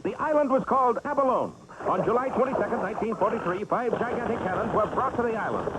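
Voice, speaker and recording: A man's voice: high-pitched, animated, quick pace. A man narrating in a grand announcer style. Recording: loud noisy recording.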